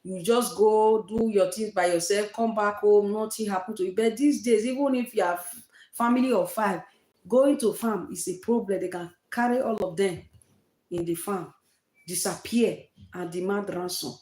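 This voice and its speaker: A woman from Nigeria, speaking with a Nigerian accent, hosts a casual livestream chat in a mid-range, darkish voice at a moderate pace. The low-quality recording sounds echoey, and she repeats herself emphatically, peppering her talk with Nigerian fillers like "eh" and "oh."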